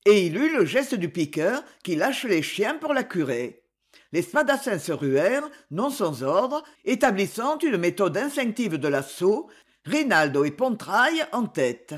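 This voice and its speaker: An audiobook narrator telling an adventure story in a measured, unhurried way. The delivery swoops up and down expressively. The voice carries a husky, slightly breathy texture. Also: mid-range voice, very animated.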